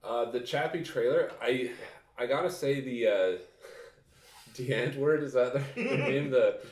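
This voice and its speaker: A man co-hosting a casual movie chat, speaking haltingly with frequent restarts. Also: mid-range voice, darkish tone. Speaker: podcast co-host. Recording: roomy echo, distant mic.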